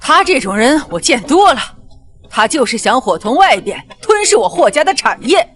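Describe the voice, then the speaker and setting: A woman's voice: sits high, big pitch swings, normal speed, fairly bright tone. An actress playing a domineering old grandmother who scolds in a commanding way. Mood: scolding. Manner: scolding and imperious.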